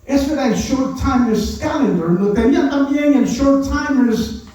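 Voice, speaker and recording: A man's voice: very high voice, measured pace, dark tone. A man preaching a conversational sermon as pastor. He keeps adding tag questions and sometimes raises his voice. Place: church. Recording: very echoey church hall, distant mic.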